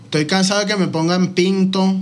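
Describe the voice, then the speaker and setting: A man's voice: high voice, fairly even intonation, brisk, slight background noise. A Venezuelan man co-hosting a casual podcast chat, slangy and loose, dropping "marico" often. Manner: slangy, peppers speech with "marico". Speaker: podcast co-host.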